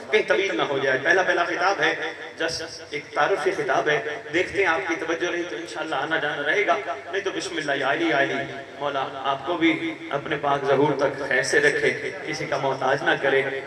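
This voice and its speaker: A Pakistani cleric from Punjab preaching at a gathering, building to loud emphatic peaks and dropping low to tell a story. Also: male voice. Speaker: Shia cleric giving a majlis address. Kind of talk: sermon with storytelling. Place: outdoor or large gathering hall with a crowd. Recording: echoey PA sound from far off with crowd.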